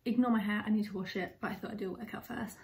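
A woman's voice: mid-range voice, steady tone, rapid-fire, husky. A young adult woman vlogging casually to camera from her bedroom, chatty and full of little asides. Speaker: fitness vlogger. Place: cluttered bedroom.

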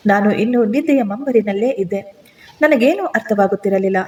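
A woman tells a dramatic first-person family story in a steady, earnest way. Her voice is mellow and dark-toned, sitting at an ordinary pitch for a woman. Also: normal speed.

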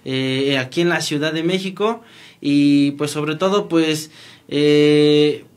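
A man in his thirties from Xochimilco with a Mexico City accent, guest on a studio talk show, relaxed and filling his talk with "o sea" and "pues". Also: a little high, slow pace, clear, resonant tone. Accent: Mexico City Spanish. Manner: relaxed, laughs easily, many fillers "o sea, pues, este". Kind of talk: casual interview talk. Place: small bright TV studio.

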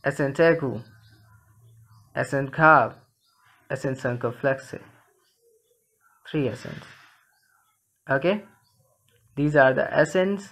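A male language teacher giving a classroom lesson, slow and deliberate, repeating phrases for learners. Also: mid-range voice, fairly bright tone. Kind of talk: classroom lesson, reading a textbook dialogue aloud.

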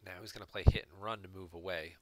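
Man, deep bright voice, card game commentary, analytical, dry close mic. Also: fairly even intonation, fast talker, no echo. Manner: analytical, explains plays step by step. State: hiccups. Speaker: game reviewer. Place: home room.

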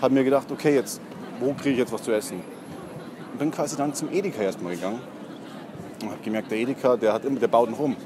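A young man works as a street prankster, spinning an aimless, long-winded story. He pads it with fillers and refuses to be cut off. His mid-pitched voice sits in clear outdoor street noise. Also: quick pace, long pauses. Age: young adult. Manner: long-winded, filler-laden, keeps going over interruptions. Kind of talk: rambling, deliberately pointless storytelling to passersby. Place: outdoors on a busy city street. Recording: noisy busy street, traffic ambience.

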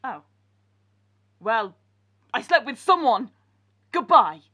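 A woman playing a fed-up, sharp-tongued wife with a husky voice, exasperated and scolding. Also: a little high, very animated, slow pace, noisy background.

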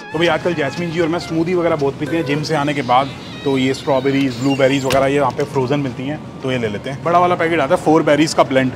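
Music plays under this casual supermarket vlog, in which a man in his thirties chats to camera and reads out prices while shopping. He holds the phone at arm's length and talks fast, his mid-range voice staying steady.

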